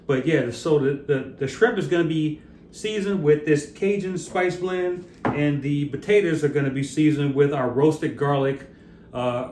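A man's voice: mid-range voice, reverberant, background noise. A middle-aged man hosting his own cooking and brewing vlog, talking in an easygoing, chatty way with fillers and restarts, holding the camera at arm's length. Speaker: host of a cooking and brewing channel. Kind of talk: casual vlog talk. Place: outdoors on the street, then a home kitchen. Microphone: camera held at arm's length.

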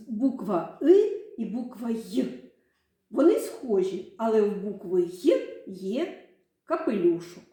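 A woman's voice: a little high, mellow. Woman, primary teacher, children's literacy lesson, sing-song coaxing delivery, very echoey room.

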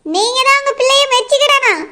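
A woman with a Kanyakumari Tamil accent voicing a sharp-tongued young daughter-in-law who fires off quick, accusing retorts. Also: extremely high pitch, lively intonation, slight background noise, heavily acted.

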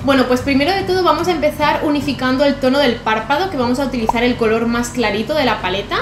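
A young woman with a Spain Spanish accent chats casually through a makeup tutorial as a beauty vlogger, her voice high-pitched and fast. She's in a small, bright bedroom, and the recording is echoey with music playing in the background.

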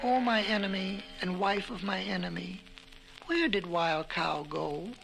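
A man voicing a proud, sly male cat in a storybook reading on an old vinyl record, with a high, pleading, sweet-talking manner when he begs. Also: measured pace, creaky, fairly bright tone, slight background noise, heavily acted, rough recording. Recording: vintage vinyl record with music.

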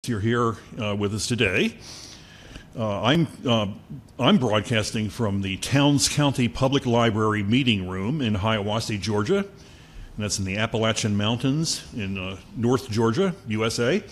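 A man hosting a podcast interview from a library meeting room, speaking in a chatty, hesitant way with many pauses. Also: fairly low pitch. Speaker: podcast host. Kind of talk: interview questions.

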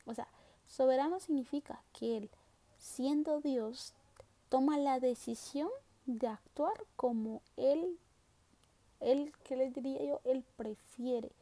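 High-voiced woman teaching a Bible lesson. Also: dark tone. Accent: Central American Spanish. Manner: explains slowly, stresses key words, asks rhetorical questions.

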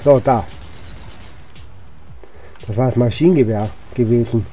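A gaming video host mutters short, casual remarks over gameplay, his voice weakened by coughing. It's a medium-pitched, unhurried, dark-toned man's voice, with game music in the background.

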